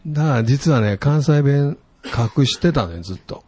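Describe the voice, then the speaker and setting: A man speaks with a Kansai accent in a slightly husky voice. His pitch moves around a lot as he tells stories in a relaxed, casual chat, and he draws out the ends of his sentences. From Kansai, Japan. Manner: easygoing storytelling, drawn-out sentence endings.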